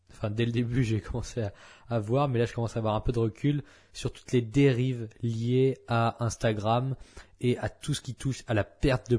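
A man's voice: mid-range voice, dark tone. A man hosting a solo podcast, talking casually and frankly with many fillers and restarts. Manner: blunt and frank. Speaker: podcast host.

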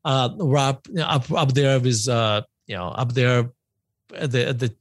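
A man's voice: medium pitch, fairly even intonation, moderate pace, dry recording. Middle-aged Russian-born man, podcast guest, rambling and self-correcting, dry recording. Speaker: guest author. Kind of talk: podcast interview.

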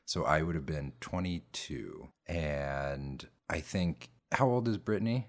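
A man in his thirties chatting casually as a podcast co-host, relaxed and a bit hesitant, often restarting his sentences. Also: extremely low pitch, takes it slowly. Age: 30s. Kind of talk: casual chat.

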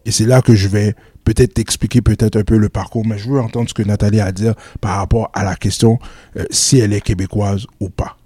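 A man's voice: fairly low pitch, flat delivery, fairly quick, mellow, breathy edge. A middle-aged man hosting a casual discussion, asking probing questions and interjecting with teasing remarks. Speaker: host.

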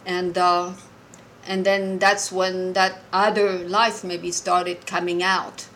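A woman in her sixties, from Morocco, calling in to a show and telling a personal story earnestly and haltingly, often restarting her sentences. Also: lowish voice, level tone, a bit bright, a little hiss or hum, poor audio. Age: 60s. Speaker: caller.

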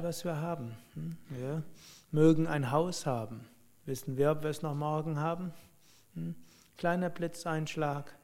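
A man telling a spiritual story and drawing lessons from it, in a reflective, unhurried way with musing hums. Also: on the high side, darkish tone. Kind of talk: spoken storytelling and teaching.

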